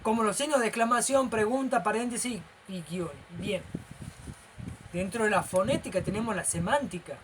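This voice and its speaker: A man's voice: high-pitched, normal speed, background noise. Man lecturing with a Rioplatense accent. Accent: Rioplatense Spanish. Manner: explanatory, constantly checking in with the listener; animated and gestural. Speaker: teacher. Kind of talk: informal lecture.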